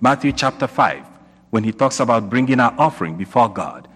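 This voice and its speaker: A priest preaches a sermon in a large church, his voice ringing with a long cathedral echo as he poses rising questions and repeats points for emphasis. He speaks at medium pitch, animated and fairly quick, with a slightly rough, somewhat bright tone.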